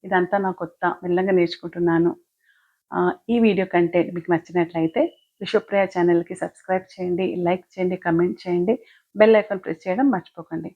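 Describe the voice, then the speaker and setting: A woman's voice: fairly low pitch, fairly even intonation, quick pace. A woman hosting her own channel, modestly apologizing for the video quality and asking viewers to subscribe. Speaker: channel host. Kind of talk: casual channel outro. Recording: dull lo-fi, dry.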